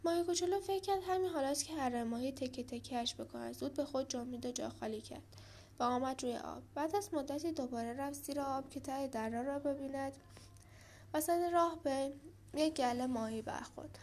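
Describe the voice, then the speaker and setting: A woman reads a children's storybook aloud in a high voice. Her narration is steady and expressive, with a few small stumbles along the way. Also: a little hiss or hum.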